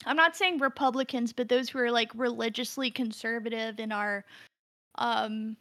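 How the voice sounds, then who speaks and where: A woman co-hosting a casual podcast chat with a high, bright voice. She rambles and restarts her thoughts often, recorded close and dry. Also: steady tone, moderate pace, dry recording. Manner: rambling, full of fillers and restarts. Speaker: podcast co-host.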